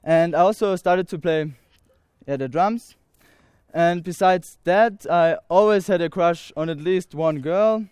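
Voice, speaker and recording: Earnestly recounting his personal experience to an audience, a 19-year-old Austrian man speaks halting English with an Austrian German accent, pausing and restarting throughout. He has a high-pitched, smooth, darkish voice, and the recording has no room sound.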